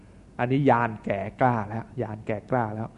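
A man's voice: mid-range voice, little pitch movement, quick pace, darkish tone. A man, a Buddhist monk, giving a sermon that retells an old tale in a chatty, folksy way full of asides. The recording sounds tinny. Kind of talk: sermon with storytelling.

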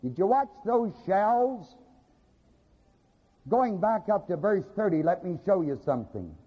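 A man's voice: high-pitched, very animated, measured pace, husky. A man preaching a sermon to a congregation, stopping often to ask them to finish his sentences. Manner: asks the congregation fill-in questions; repeats "you bet your life". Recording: lo-fi with long hall reverb.

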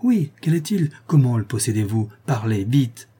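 A man's voice: medium pitch, sing-song, normal speed, mellow, husky. A man voicing a sinister, brooding monk who fires off urgent, demanding questions. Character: sinister brooding male monk, agitated and commanding.

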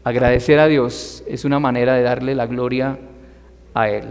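A man preaching a sermon in Spanish, emphatic and expressive, sometimes calling out loudly. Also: medium pitch, moderate pace, long reverb tail. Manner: emphatic, rising to loud acted cries for quoted voices.

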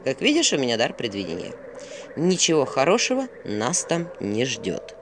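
A woman's voice: very deep voice, wildly swooping pitch, moderate pace, background noise, voice pushed down, full character voice. A woman voicing a sarcastic, grumbling male owl who mocks his companion in a dry tone. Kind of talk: audiobook character voice.

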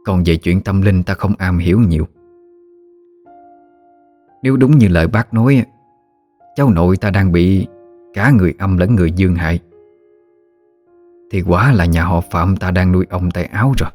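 Commanding elderly matriarch, read by a man in his own low voice, measured and unhurried. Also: soft background music. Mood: stern commanding. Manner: slow, calm, authoritative. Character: stern elderly grandmother, family matriarch.

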